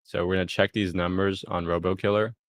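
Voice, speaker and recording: A man casually walking through a software demo on a live screen share, thinking aloud as he clicks and punctuating steps with "boom". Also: flat delivery, a little fast, no echo, studio quality.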